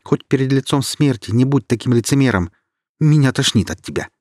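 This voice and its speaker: A man voicing a cold, mocking young woman in a husky voice, speaking with scorn. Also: medium pitch, expressive, brisk, darkish tone, no room sound, studio quality, pitched above the performer's own voice, close to an everyday voice. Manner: scornful, biting.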